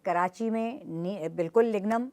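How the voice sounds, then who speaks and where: A woman's voice: mid-range voice, a little mellow. A woman with a Pakistani Urdu accent, speaking as an interview guest and explaining her points earnestly with examples. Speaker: guest, journalist and environmentalist.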